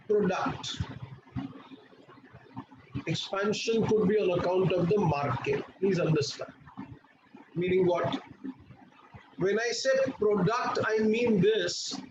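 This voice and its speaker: A man with an Indian accent giving an online class lecture, repeating points in a didactic way and prompting students with questions. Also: sits high. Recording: echoey room, muffled and noisy.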